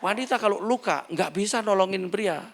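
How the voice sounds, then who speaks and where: A man's voice: high voice, animated, moderate pace, gravelly. A male pastor, preaching a humorous sermon and acting out dialogues.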